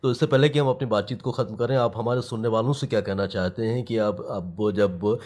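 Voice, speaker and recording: Low-voiced male interviewer. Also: steady tone, fairly quick, a little mellow. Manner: courteous, with frequent affirming murmurs. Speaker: interviewer, host. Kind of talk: polite interview questions.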